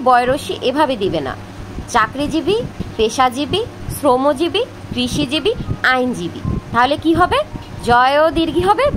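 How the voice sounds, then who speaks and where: Woman teacher, high voice, methodical explainer who lists examples, faint hiss behind. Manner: explains rules step by step, lists examples, checks understanding. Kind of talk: spoken grammar lesson.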